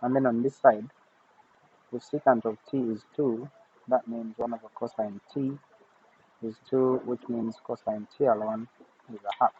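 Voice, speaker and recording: A man's voice: medium pitch, fairly even intonation, moderate pace, mellow. A man teaching a recorded math lesson, talking steadily through each step of his working. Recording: tinny phone-like audio with faint noise.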